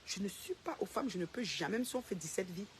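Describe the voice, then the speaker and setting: A woman's voice: mid-range voice, animated, fast, slight background noise. A woman ranting straight to the camera, calling out a rival by name and repeating her points with confrontational emphasis. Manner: confrontational, addresses a rival directly and repeats herself. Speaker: social media personality. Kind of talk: direct-to-camera rant.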